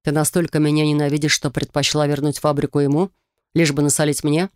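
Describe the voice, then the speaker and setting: A narrator voicing a cold, bitter estranged husband with a low, muffled voice and a cutting, sarcastic manner. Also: male voice, level tone, fast talker, clear, resonant tone, dry recording, studio quality, close to an everyday voice.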